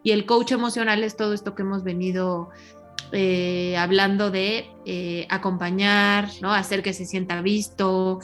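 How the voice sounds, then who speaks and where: A woman explaining parenting styles as a guest, in a measured way, checking in with frequent tag questions. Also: medium pitch, flat delivery, faint music behind. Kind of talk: explanatory conversation.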